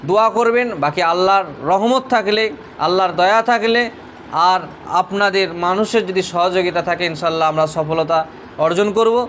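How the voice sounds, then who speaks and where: A man's voice: high voice, fairly bright tone, a little hiss or hum. A man with a Bengali accent teaching a Quran reading class, leading the listeners through the letters in call-and-repeat drills. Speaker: madrasa teacher.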